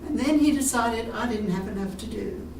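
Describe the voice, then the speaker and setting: In a recorded oral history, an older woman who lives in a Texas retirement community describes her life in a voice on the high side, at normal speed. She speaks unhurriedly with many fillers and restarts, and the mic is distant and roomy with background noise.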